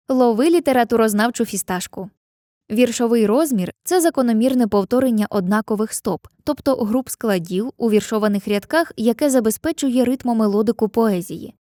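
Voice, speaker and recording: A woman narrates a scripted literature lesson in a mellow, fairly high voice. Her delivery is clear and measured, and she slows down for lines of poetry. The recording is dry and close, with no room sound. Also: dry recording.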